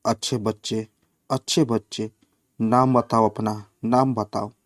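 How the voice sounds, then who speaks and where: A man's voice: lowish voice, steady tone, takes it slowly, no room sound, studio quality. A man reading a story voices a cheeky, spoiled little boy who teases and taunts in a singsong way. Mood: taunting.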